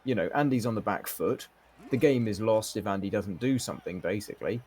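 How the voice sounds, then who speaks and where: A man's voice: on the low side, brisk, a little mellow, slightly rough. A man co-commentating a board game match in a matey, bantering way, often repeating his phrases.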